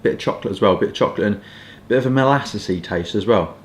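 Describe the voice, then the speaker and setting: A man in his twenties from southeast England, with a southern English accent and a lowish voice, talks very fast as a pipe and cigar review vlogger. He chats casually, rambling through hedging asides. He's indoors in a small furnished room at home, and the recording has a roomy echo with some background noise.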